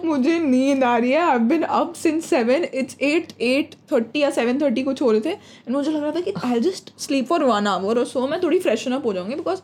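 A woman's voice: high voice, animated, slow, few pauses, a little mellow, slight background noise. A young woman co-hosting a casual podcast with her sister, telling earnest stories in a mix of Hindi and English. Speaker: podcast co-host. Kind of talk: casual chat.

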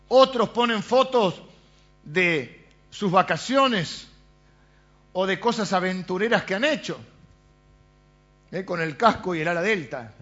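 A man preaching a sermon, his voice high and bright. He asks the congregation rhetorical questions and often sinks into a quiet aside. The recording sounds dull and lo-fi.

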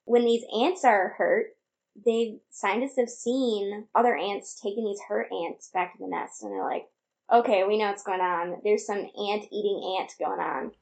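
Creaky-voiced young woman explaining. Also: mid-range voice, fairly even intonation, measured pace, darkish tone. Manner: earnest, explains facts with small laughs. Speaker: podcast co-host. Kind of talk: casual podcast chat.

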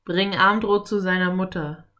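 A woman's voice: mid-range voice, fairly even intonation, moderate pace, a bit bright, lightly acted. A woman voicing a friendly adult male cowboy, telling a campfire ghost story in an easygoing way. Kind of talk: audiobook character reading.

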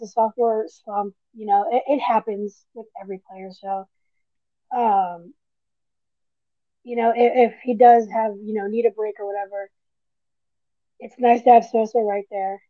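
A woman's voice: fairly high pitch, no room sound. Gushing woman on a tinny line. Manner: gushing fan talk with fillers. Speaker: podcast co-host. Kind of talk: casual chat.

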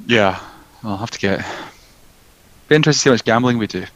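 A man co-hosting a podcast, chatting casually with a joking, animated manner. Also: fairly low pitch, muffled recording. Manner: joking, animated, quick asides. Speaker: podcast co-host. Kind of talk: casual chat.

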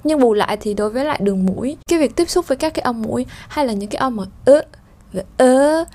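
A woman teaching French pronunciation, explaining slowly with fillers and sounding out vowels. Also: fairly high pitch, lively intonation, darkish tone. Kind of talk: spoken lesson.

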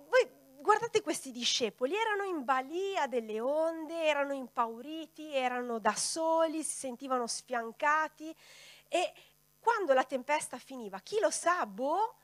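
A woman's voice: sits high, animated, measured pace, no echo. A woman preacher delivering a sermon, putting rhetorical questions straight to her congregation.

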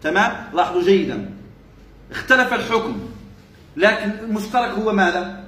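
A man's voice: high voice, big pitch swings, brisk, pushed and bright, reverberant. A male religious teacher giving a classroom lesson, repeating key phrases and quizzing his listeners with short questions.

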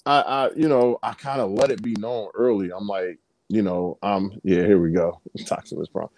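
A man's voice: on the low side, fairly even intonation, normal speed, a little mellow, low-quality recording. A man co-hosting a podcast, telling stories in loose, profane casual chat with lots of restarts. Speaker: podcast co-host.

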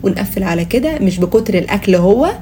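Fast-talking Egyptian woman podcast host, playful. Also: medium pitch, expressive, mellow, slight background noise. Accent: Egyptian Arabic. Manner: playful, mock-serious. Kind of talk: casual comedic podcast talk.

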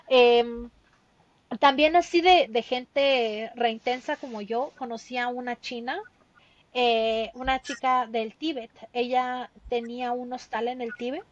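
A woman's voice: fairly high pitch, no echo. Chatty Mexican woman, dull dry sound. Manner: chatty, many fillers and tag questions. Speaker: guest. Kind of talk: casual interview storytelling.

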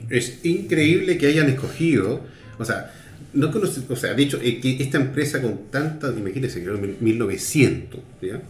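A man hosting a radio talk show, asking long, rambling, expressive questions. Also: medium pitch, moderate pace, echoey room, a little hiss or hum. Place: radio studio.

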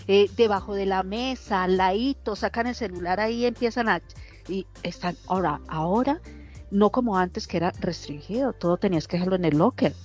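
A woman's voice: mid-range voice, fairly quick, soft background music. A woman telling everyday stories in a casual group discussion, acting out other people's dialogue as she goes. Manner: lively storyteller who acts out quoted dialogue. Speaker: discussion participant.

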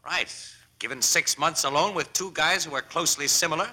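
A man's voice: a little high, brisk, bright, forceful tone, rough recording. A man playing a shrewd, insistent American crime photographer sleuth in an old-time radio drama. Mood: urgent, insistent.

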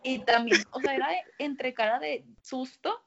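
Young Mexican woman, amused slangy chat, a bit high, dull lo-fi recording. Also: steady tone, unhurried, fairly bright tone. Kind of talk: casual storytelling. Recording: dull lo-fi sound.

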